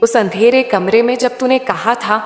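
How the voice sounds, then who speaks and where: A woman voicing a loving, all-knowing mother goddess in a soothing devotional message, speaking slowly and intimately. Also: on the high side, natural voice. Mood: tender. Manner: slow, soothing, intimate address. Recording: echoey hall with faint sitar music.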